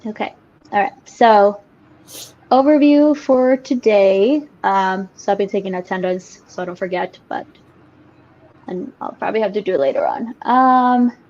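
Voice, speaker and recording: A woman's voice: mid-range voice, lively intonation, unhurried, a little mellow, muffled recording. A woman in her late twenties from Finland, introducing herself as the instructor of an online class in a casual, chatty way with many filler sounds. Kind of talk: casual classroom introduction over video call. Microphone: computer mic on a video call.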